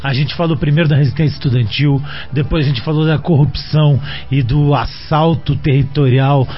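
A man's voice: on the high side, steady tone, normal speed, highs cut off, faint music behind. A man with a Brazilian Portuguese accent, hosting a programme and introducing guests informally in an effusive, flowery way. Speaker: programme host.

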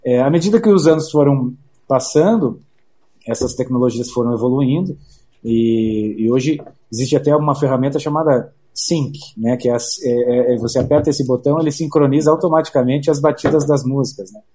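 A Brazilian man talks as an interview guest, explaining his trade casually. His voice is husky and very mellow, at a middling pitch, and he often restarts and adds little tag questions. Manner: halting, frequent "né" tags and repeated words.

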